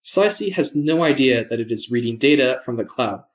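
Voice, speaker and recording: A man with a medium-pitched voice and lively intonation narrates a scripted software demo. He's measured and explanatory, enunciating each word.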